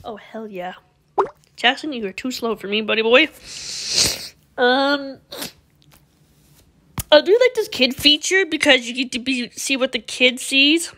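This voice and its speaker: A woman chats her way through a gameplay video in a high, bright, forceful voice. She rambles and cuts herself off mid-thought. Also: expressive, a little slow, pauses often. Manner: rambling, chatty, self-interrupting. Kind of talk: casual gameplay commentary.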